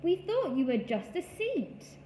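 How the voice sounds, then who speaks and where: A man's voice: extremely high pitch, big pitch swings, a little slow, mellow, reverberant, a little hiss or hum, pitched above the performer's own voice, exaggerated voice. A woman voicing a polite, apologetic male fox in a storybook reading.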